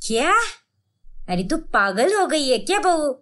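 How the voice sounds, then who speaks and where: A woman's voice: high voice, sing-song, a little slow, a bit bright, exaggerated voice. A woman voicing a strict, traditional mother-in-law who gives orders and scolds in a cartoon story. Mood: scolding. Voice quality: scolding, commanding.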